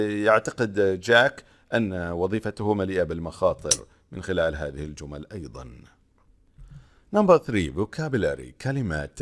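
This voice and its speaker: A male teacher with a fairly low voice takes students through a textbook exercise one item at a time. He reads each English sentence slowly and carefully, then explains it in Arabic. His delivery stops and starts, with frequent hesitant pauses between phrases. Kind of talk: bilingual lesson, reading English and explaining in Arabic.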